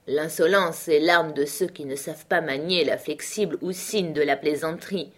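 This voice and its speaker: A woman's voice: low-pitched, normal speed. A woman reading aloud, voicing a witty male country surgeon who answers insults with cool mockery. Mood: dry mocking. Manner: cool, mocking wit.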